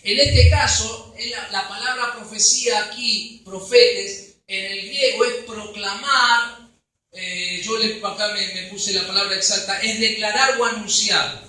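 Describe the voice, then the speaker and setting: A man's voice: sits high, fairly even intonation, a little slow, sharp tone. A man with a Rioplatense accent preaching a sermon in a church, emphatic, checking in with the congregation. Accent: Rioplatense Spanish. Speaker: pastor. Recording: echoey hall, voice from far off.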